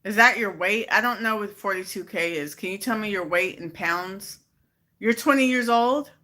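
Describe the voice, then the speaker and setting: A woman's voice: medium pitch, moderate pace, bright, forceful tone. A woman hosting a casual live stream, chatting with viewers and growing exasperated as she repeats her questions. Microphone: phone.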